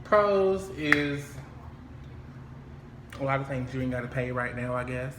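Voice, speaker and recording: A man's voice: mid-range voice, a little slow, background noise. A man hosting a casual chat, joking and laughing often. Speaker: host. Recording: echoey room, faint ambience.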